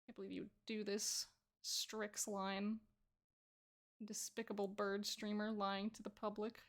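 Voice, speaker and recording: A woman's voice: medium pitch, level tone, measured pace. A woman art streamer chatting casually and playfully while she draws, joking and laughing with her viewers. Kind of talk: casual chat while drawing.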